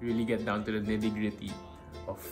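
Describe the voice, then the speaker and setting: A man's voice: lowish voice, level tone, fairly quick, soft background music, low-quality recording. A man in his twenties, an interviewee introducing himself earnestly from home with some fillers. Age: 20s. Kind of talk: recorded self-introduction. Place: home room indoors.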